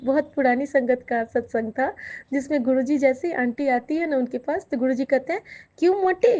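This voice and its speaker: A woman tells her devotional experiences in a chatty, intimate way, with a voice set a little high and frequent laughter. Grateful asides run through her telling. The recording is dull and lo-fi. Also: steady tone, brisk, warm tone. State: out of breath. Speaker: satsang storyteller. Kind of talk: devotional testimony to listeners.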